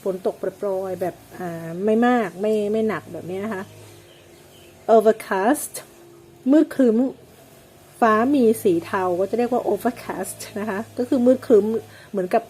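A woman teaching English weather words, explaining each one slowly and patiently, with many polite particles. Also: medium pitch, dark tone, a little hiss or hum. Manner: slow, drawn-out explanations with frequent polite particles. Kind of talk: English vocabulary lesson.

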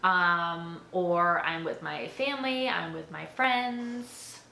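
A woman's voice: fairly low pitch, slow, gravelly, sharp tone. A young adult woman talking casually to the camera in a tag video, chatty, with lots of "like" and "um". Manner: chatty, filler-heavy with frequent "like" and "um". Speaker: YouTuber. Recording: echoey room with faint background noise.

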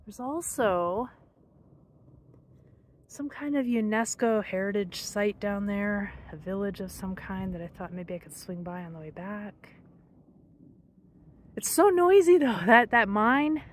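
A middle-aged woman films a hiking vlog on hillside forest trails, chatting casually and musingly to a handheld phone at arm's length. Her mid-range voice has lively intonation and a measured pace with frequent pauses. The outdoor phone audio carries background noise.

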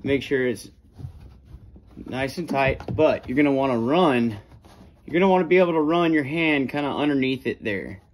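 At night under a carport, a young kayaker demonstrates gear, giving relaxed, plainspoken step-by-step directions. His medium-pitched voice moves at normal speed, recorded on a phone camera moving around the car, with a little hiss or hum.

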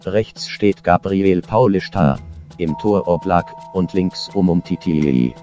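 A man talking through a flat robotic voice changer, making deadpan jokes while commentating a game with a friend. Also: deep voice, slow, soft background music. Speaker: co-host, gamer. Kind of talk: casual gaming commentary.

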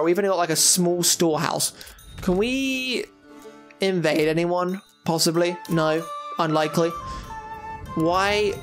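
A young man with a high, bright-sounding pitch chats through a game as he plays it, thinking aloud and tossing out jokey asides. Faint game music sits quietly behind his voice. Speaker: gaming YouTuber. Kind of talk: casual let's-play commentary.

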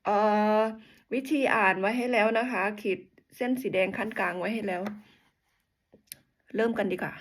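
Woman going over numbers in a chill lesson, slow and patient, says each one twice. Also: mid-range voice. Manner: patient, repeats words slowly for practice; polite, uses soft sentence-end particles. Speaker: language teacher. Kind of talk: casual language lesson.

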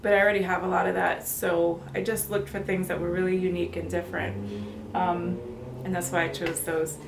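A woman in her thirties chatting casually to camera in a room at home, bubbly and quick to laugh. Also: fairly low pitch, little pitch movement, vocal fry. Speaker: fashion vlogger. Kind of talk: casual haul chat. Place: bedroom or apartment, indoors. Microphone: camera on tripod, mid-distance. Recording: roomy, noisy indoor recording.

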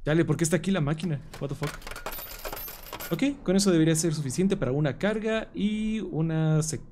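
A man's voice: on the high side, a little fast, warm tone, slight background noise. A man streaming a horror game live, thinking aloud as he plays. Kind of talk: live gameplay commentary.

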